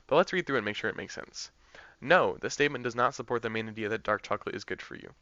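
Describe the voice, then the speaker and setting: A man's voice: mid-range voice, quick pace, pushed and bright, dry recording, highs cut off. A man tutoring test prep, explaining practice test answers in a conversational way, thinking aloud with fillers and restarts.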